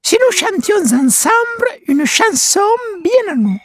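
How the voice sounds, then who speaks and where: A woman's voice: extremely high pitch, sing-song, unhurried, no echo, studio quality, exaggerated voice. A woman voicing a small, cheerful female frog who teases and coaxes, tagging questions onto her lines. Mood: soothing. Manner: teasing, ends lines with a questioning "hein". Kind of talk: storybook acting over music.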